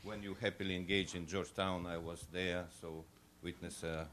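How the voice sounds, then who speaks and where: Low-voiced man with a heavy Russian accent. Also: flat delivery, fairly bright tone. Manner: halting, broken English. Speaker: audience member asking a question. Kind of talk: unscripted audience question. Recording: noisy room ambience.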